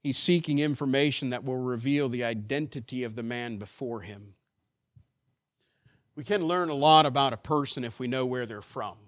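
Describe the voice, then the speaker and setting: A man preaching a sermon, building emphatic rhetorical questions that swell louder and drop soft. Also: medium pitch, normal speed. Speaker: pastor.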